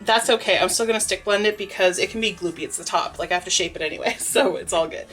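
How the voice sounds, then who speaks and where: She talks fast in a mid-range voice, casually narrating as she makes soap for her vlog. The young woman's nose is blocked and sniffly, her speech is full of fillers and tangents, and laughter keeps breaking through.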